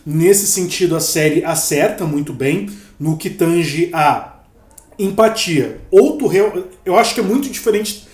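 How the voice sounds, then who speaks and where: A man with a Brazilian accent speaks in a fairly high voice with a roomy echo around it. He gives a casual review as a host, stating opinions in colloquial language and backing them up with examples. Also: darkish tone. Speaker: podcast host reviewing a horror series. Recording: roomy, echoey sound.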